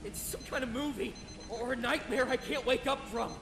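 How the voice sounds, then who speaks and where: A man's voice: extremely high pitch, moderate pace, gravelly, background noise. An actor playing a bewildered male sheriff in a horror video game, urgent and swearing. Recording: echoey game audio with music.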